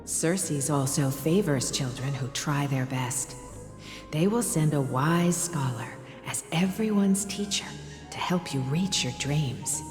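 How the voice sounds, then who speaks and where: An actress playing a gentle, loving mother in a game, speaking softly and serenely. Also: sits low, animated, slow pace. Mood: fond, soothing. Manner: soft, serene, tender, maidenly delivery. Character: gentle loving mother telling her young daughter a tale. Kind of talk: scripted game dialogue. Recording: long echoing reverb, music behind.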